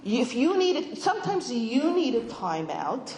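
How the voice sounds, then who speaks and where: A middle-aged woman giving an informal talk to women, telling stories with animation and voicing children in a high pitch. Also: sing-song, unhurried, darkish tone. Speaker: speaker addressing a women's audience. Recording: echoey room with faint noise.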